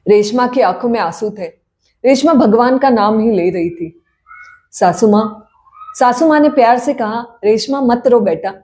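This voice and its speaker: A woman narrating a family story in a plain, unhurried storytelling manner. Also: a little high, lively intonation, a little mellow.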